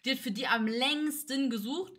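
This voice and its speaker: Young woman on stream teasing her friend, high bright voice, talks straight to chat. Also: normal speed. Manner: blunt, teasing, talks to viewers. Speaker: streamer, co-host. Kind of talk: casual chat on a live stream.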